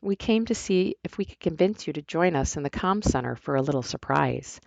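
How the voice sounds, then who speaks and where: A woman's voice: low-pitched, lively intonation, fairly quick, creaky, darkish tone, no echo, muffled recording. A woman voicing a mischievous young man, playful and scheming.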